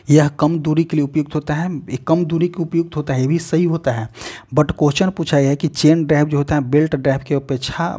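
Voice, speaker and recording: A man's voice: fairly high pitch, mellow. A man teaching an exam-prep lesson, walking through practice questions one by one and repeating phrases as he explains, with English terms mixed into his talk. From India. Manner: repetitive, restarts phrases, mixes English terms into Hindi.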